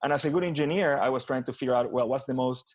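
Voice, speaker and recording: Talking fast with a darkish tone, the man, a business consultant appearing as an interview guest, has an Argentine Spanish accent and an average pitch. He restarts and repeats words while thinking aloud in casual, unplanned conversation, recorded dry and slightly muffled.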